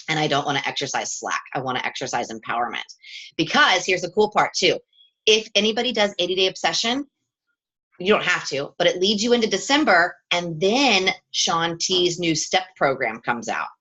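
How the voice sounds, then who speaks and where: A woman's voice: fairly low pitch, a bit bright, low-quality recording. A woman leading a live coaching chat with her team from home, upbeat and chatty and often checking in with "okay?".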